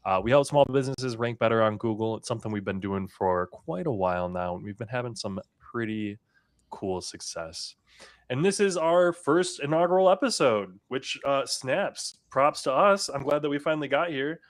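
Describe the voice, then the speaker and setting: A man's voice: medium pitch, lively intonation, moderate pace. A man hosting a casual marketing podcast, joking and emphatic as he talks. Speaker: podcast host.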